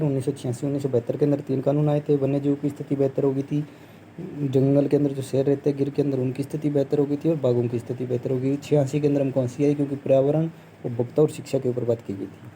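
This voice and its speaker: Mellow-voiced young man teaching exam tricks. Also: mid-range voice, fairly even intonation, quick pace, slight background noise, poor audio. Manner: explains step by step, asks the class questions and answers them, often says "theek hai"; acts out scoffing crowd voices as jokes. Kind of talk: Hindi exam-prep lesson with memory tricks.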